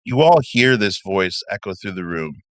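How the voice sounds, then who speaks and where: A man's voice: low-pitched, sing-song, moderate pace, a bit bright, no echo, clean studio sound. A man narrating a tabletop game as game master, describing scenes vividly and dramatically and swearing freely.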